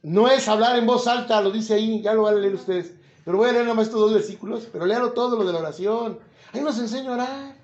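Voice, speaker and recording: High-voiced Mexican preacher in an echoey room. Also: male voice, fast talker, darkish tone. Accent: Mexican Spanish. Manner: chatty, jokes, asks the listeners questions. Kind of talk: informal Bible teaching to a congregation. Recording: echoey room, slightly dull sound.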